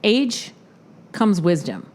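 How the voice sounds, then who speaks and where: A woman's voice: lowish voice, wildly swooping pitch, takes it slowly, a little mellow. A woman hosting a casual podcast chat, talking loosely with lots of fillers and laughter. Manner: chatty, laughing, heavy on fillers. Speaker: podcast host.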